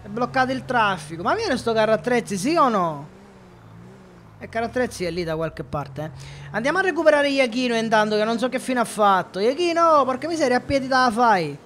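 A man's voice: very high-pitched, sing-song, brisk, a bit bright, slight background noise. Playful Sicilian man streaming a game. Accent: Sicilian Italian. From Catania, Sicily. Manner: playful, joking, talks to chat. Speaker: gaming streamer. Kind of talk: live gameplay commentary.

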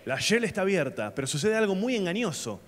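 Audience laughter greets an Argentine comedian whose high, very animated voice moves at a quick pace through a stand-up set in Argentine Spanish. His storytelling is loose and slangy, punctuated by sudden shouts. It was captured live on a theater stage at a comedy festival, with long reverb and faint ambience.

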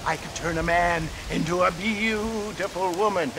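A man's voice: high-pitched, normal speed, background noise. A man voicing a grandiloquent, crafty older snake-oil salesman in a Western video game, with florid showman's patter. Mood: showy sales pitch. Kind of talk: theatrical Western game acting.

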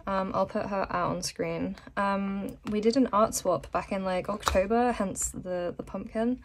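A woman's voice: medium pitch, steady tone, measured pace, a little hiss or hum. Chatty woman, under the weather. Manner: chatty, rambling, many ums and laughs. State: sick and a bit weak. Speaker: vlogger. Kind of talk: casual chat to camera.

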